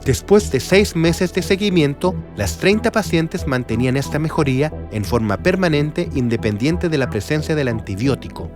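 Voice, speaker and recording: A man with a Chilean accent reading scripted documentary narration in a measured, formal way. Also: fairly high pitch. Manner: measured, formal, reads in even sentences. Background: faint music.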